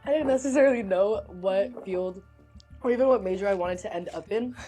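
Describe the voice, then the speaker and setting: A woman's voice: medium pitch, a little fast, warm tone, soft background music. A young woman, a student ambassador, earnestly explaining her choice of school in casual chat. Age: young adult.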